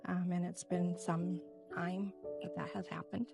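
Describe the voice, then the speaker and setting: Lower-pitched middle-aged woman, reflective. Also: flat delivery, a little slow, vocal fry, music in the background. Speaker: guest, hospice nurse. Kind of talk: reflective interview conversation.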